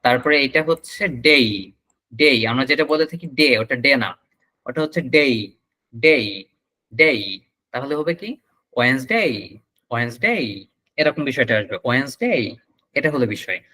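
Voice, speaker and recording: A man's voice: medium pitch, pushed and bright, rough recording. A man with a Bangladeshi Bengali accent teaching an online English pronunciation class, explaining step by step and drawing out sample words. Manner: explanatory, drawn-out word demonstrations.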